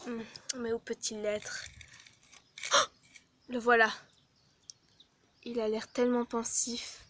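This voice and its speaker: Une jeune femme à la voix aiguë livre son monologue intérieur d'enquêtrice, à voix basse et douce. Elle réfléchit en parlant, sur un ton feutré et songeur. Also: female voice, little pitch movement, takes it slowly. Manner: soft, hushed, musing. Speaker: amateur detective heroine. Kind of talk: inner monologue narration.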